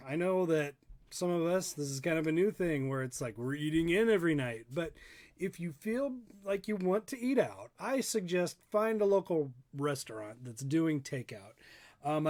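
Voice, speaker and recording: Here a local dad runs an informal storytime for kids online, rambling along playfully and folksily. His voice sits high and has a darkish tone.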